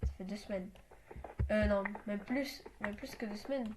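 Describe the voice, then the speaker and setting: A woman's voice: medium pitch, moderate pace, noisy background. A woman giving casual gameplay commentary as host of her own channel, talking hesitantly with many fillers and restarts.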